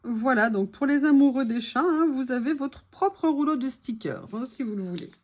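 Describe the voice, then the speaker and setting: A woman chatting casually to her viewers while unboxing craft supplies, gushing softly and adding small asides. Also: high-pitched, expressive, moderate pace. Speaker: craft vlogger.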